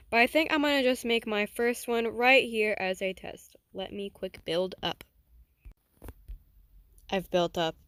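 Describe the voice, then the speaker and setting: A woman's voice: on the high side, no echo. A woman giving casual, rambling gameplay commentary, thinking aloud as she builds. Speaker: gaming vlogger.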